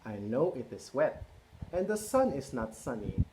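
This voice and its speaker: A man's voice: mid-range voice, sing-song, a little slow, dark tone, slight background noise, poor audio. A man voicing a confident, mischievous storybook cat in a reassuring, sing-song rhyming manner. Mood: inviting.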